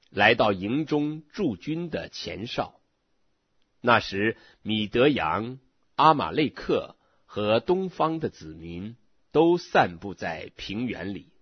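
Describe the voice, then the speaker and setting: A man reading scripture aloud in a slow, measured way, from a dull lo-fi recording. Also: fairly low pitch, slightly rough, dry recording. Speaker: scripture reader.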